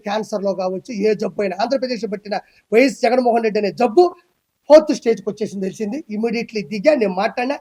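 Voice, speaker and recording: High-pitched, fast, fiery ranting man. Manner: loud, emphatic, repetitive ranting. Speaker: interview guest. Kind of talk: heated political interview.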